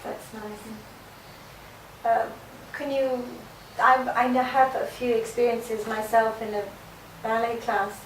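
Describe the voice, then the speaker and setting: A woman with a slightly high voice asks short interview questions, often stumbling and restarting. She sounds far from the mic in a reverberant indoor space. Faint background noise sits underneath. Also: little pitch movement. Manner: hesitant, halting questions. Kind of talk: conversational interview. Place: indoor art venue.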